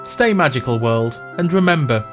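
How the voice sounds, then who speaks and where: A man's voice: medium pitch, lively intonation, normal speed, over music, lightly acted. A man playing a pompous, reluctant mage who narrates a comedic fantasy tourism podcast in a wry, self-satisfied manner. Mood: breezy sign-off.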